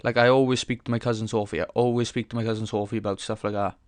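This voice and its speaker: A man's voice: lowish voice, flat delivery, racing, clean tone, no room sound. A young man hosting a casual solo podcast, rambling frankly with lots of swearing, fillers and restarts as he thinks aloud. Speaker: podcast host.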